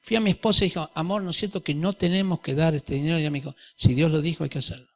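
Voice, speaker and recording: A man's voice: a little high, very fast. A middle-aged man preaching a sermon, telling personal stories and acting out the dialogue in different voices. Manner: animated storyteller, acts out dialogue in varied voices. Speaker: pastor.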